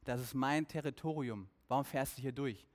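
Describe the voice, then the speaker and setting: A man voicing a threatening male rebel leader who speaks in a lowered, demanding voice. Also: normal speed, close to an everyday voice.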